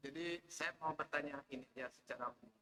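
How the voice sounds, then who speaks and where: A man's voice: fairly high pitch, normal speed, long reverb tail, crowd noise. A man with an Indonesian accent, a student politely asking his teacher questions in class. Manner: polite, inquisitive.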